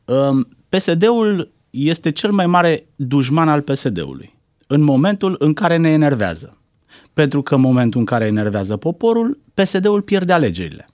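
A man's voice: fairly high pitch, very animated, darkish tone, no room sound, clean studio sound. A man giving heated, indignant political commentary on a talk show, firing off rhetorical questions.

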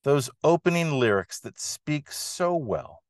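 A man's voice: fairly high pitch, very animated, takes it slowly, no echo, studio quality. A man hosting a music podcast, giving an enthusiastic review monologue with emphatic, dramatic phrasing.

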